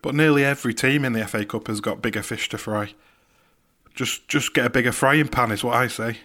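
A man's voice: medium pitch, a little fast, sharp tone. A man co-hosting a football podcast, earnest and defending his view with dry humor. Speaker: podcast co-host. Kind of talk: casual sports chat.

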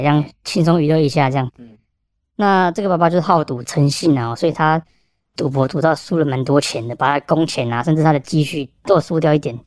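A man with a Taiwanese Mandarin accent, a police officer telling stories in a rapid, animated way, mixing in Hokkien phrases. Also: a little high, no echo, clean studio sound. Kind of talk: casual storytelling.

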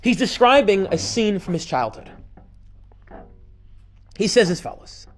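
Lecturing on a text in an unhurried, high-pitched voice, this rabbi reads passages to his class and explains them with animation. Hebrew and Yiddish words pepper his speech.

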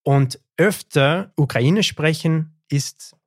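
Here a Canadian historian speaks German, not his first language, which is English, during a podcast interview where he's the guest. His voice sits on the high side and moves slowly, captured in a dry, close recording. He sounds considered but unsure, repeatedly restarting and filling gaps.

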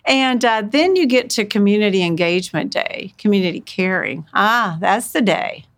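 A woman's voice: medium pitch, moderate pace. Folksy woman. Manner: folksy, expressive, uses quoted dialogue. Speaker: podcast guest. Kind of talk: animated conversational storytelling.

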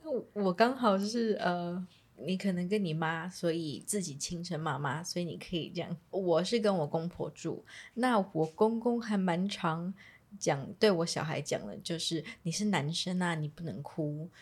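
A woman's voice: lowish voice, moderate pace, darkish tone, breathy edge. A woman in her thirties chatting earnestly and agreeing often, retelling family moments with some animation. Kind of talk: casual chat.

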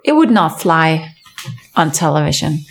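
A woman's voice: deep voice, unhurried, faint music behind. A woman co-hosting a casual podcast chat, chiming in often with agreeing murmurs. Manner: lively, lots of agreeing murmurs.

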